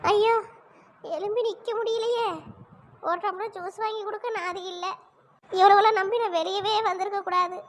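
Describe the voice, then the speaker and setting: A woman's voice: very high-pitched, moderate pace. A woman voicing a whiny, self-pitying middle-aged village woman, melodramatic in a cartoon comedy. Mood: wailing.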